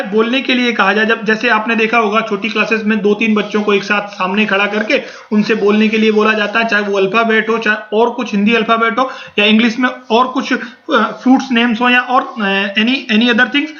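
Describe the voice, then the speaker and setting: A man's voice: high-pitched, pushed and bright, highs cut off. A man teaching English for a teacher exam, mixing into his lecture and asking himself questions that he then answers.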